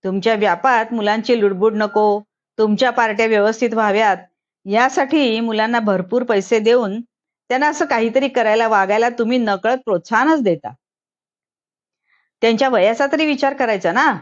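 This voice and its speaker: A woman's voice: on the high side, moderate pace, highs cut off, lightly acted. A woman voicing a stern inspector lecturing parents. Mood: scolding. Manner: lecturing, reproachful.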